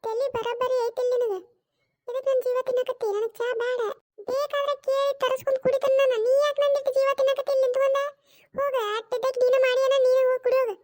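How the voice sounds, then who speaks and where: A performer voicing a stubborn, scolding older mother-in-law in a cartoon, speaking with a North Karnataka Kannada accent and drawn-out retorts. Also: very high voice, flat delivery, a little mellow. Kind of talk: cartoon voice acting.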